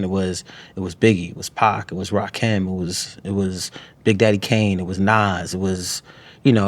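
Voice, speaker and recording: A man from New York, a guest author and poet, talking reflectively in an interview with frequent restarts and filler phrases. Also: fairly low pitch. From New York, USA. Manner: halting, frequent restarts, peppered with "you know what I'm saying".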